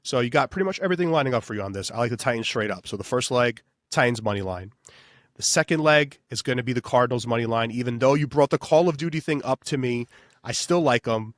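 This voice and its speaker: A man's voice: mid-range voice, animated, quick pace, fairly bright tone, dry recording, studio quality. Casual man hosting a betting podcast. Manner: loose, filler-heavy, says "baby". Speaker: podcast co-host. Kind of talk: casual sports betting chat.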